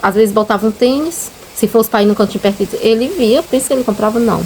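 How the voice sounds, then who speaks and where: Brazilian woman, kinda high voice, telling her faith story to the camera all heartfelt, slight hiss in the background. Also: quick pace, a little mellow. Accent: Brazilian Portuguese. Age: adult with children. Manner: emotional, earnest, often says "gente" to the viewers. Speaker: channel host sharing a faith testimony. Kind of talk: personal religious testimony, casual storytelling.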